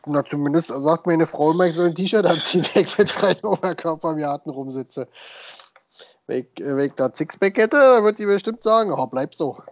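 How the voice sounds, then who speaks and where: A man's voice: on the high side, a little fast, dry recording. A married man in his thirties co-hosting a casual podcast, joking in easygoing banter. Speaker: podcast co-host. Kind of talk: casual chat. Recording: dull dry sound.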